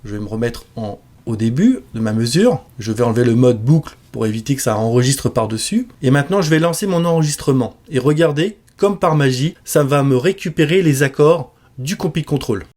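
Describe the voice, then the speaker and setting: A man giving a relaxed step-by-step music software tutorial with casual fillers. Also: medium pitch, brisk, hardly any pauses. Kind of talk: screen-recorded software tutorial.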